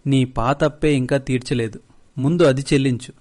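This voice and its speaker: A man's voice: mid-range voice, steady tone, moderate pace, a little mellow, natural voice. A man putting on a sneering village headman. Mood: sarcastic. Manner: sarcastic, scornful. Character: mocking greedy middle-aged male village headman.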